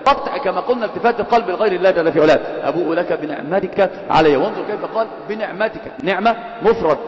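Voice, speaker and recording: A man's voice: high voice, very fast. A man giving an Islamic lesson, moving between classical Arabic and colloquial speech as he quizzes and teases dozing students. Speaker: religious teacher. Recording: echoey lecture hall, dull lo-fi.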